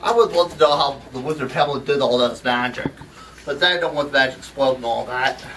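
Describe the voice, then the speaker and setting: A man's voice: medium pitch, fast. A man hosting and narrating a homemade puppet show in a rambling, cheerful way. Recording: distant mic, noisy background.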